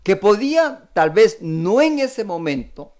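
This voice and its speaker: A man's voice: sits high, slow. A man with a Costa Rican Spanish accent preaching a sermon, acting out the characters' pleas as he retells a parable. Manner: animated, acts out the characters' pleas.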